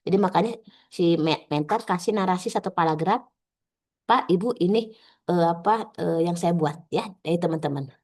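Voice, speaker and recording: A woman's voice: fairly low pitch, warm tone. A woman coaching civil service trainees on a video call, giving step-by-step tips and acting out short sample exchanges. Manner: instructive, acts out quick sample dialogues with filler "eh". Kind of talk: online coaching session.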